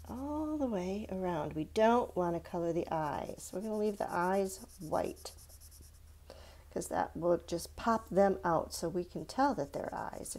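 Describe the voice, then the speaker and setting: Using a warm, mid-range voice, a woman gives little children a step-by-step drawing lesson. She speaks simply and encouragingly and often stops to ask them questions.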